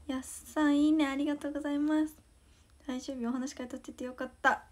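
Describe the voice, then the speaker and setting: A teenage idol from Osaka hosts a livestream, her high, brisk voice slightly mellow and fairly level in pitch. Speaking with a Kansai accent, she's shy and giggly as she casually reads fan comments and thanks her fans.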